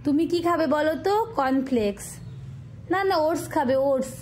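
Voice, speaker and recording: High-voiced woman teasing her child. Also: moderate pace, a little mellow, a little hiss or hum. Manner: teasing, sing-song coaxing. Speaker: vlogger, mother filming her son. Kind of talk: playful casual chat with a child.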